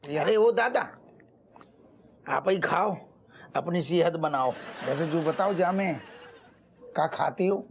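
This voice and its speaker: A man's voice: a little high, slow, gravelly, pauses often, a little hiss or hum. An actor playing a bumbling male village police constable, blustering and exasperated.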